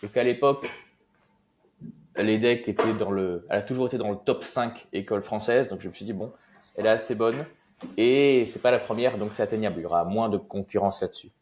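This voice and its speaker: A young man from Marseille, France, appears as a guest investor in a casual interview, telling his story. His voice is low and a little mellow, and he speaks loosely, pausing on fillers and restarting sentences.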